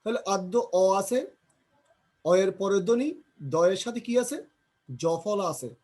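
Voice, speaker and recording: With a high, expressive, darkish voice, a man teaches grammar by slowly drilling pronunciation. He keeps repeating example words and asking questions he answers himself.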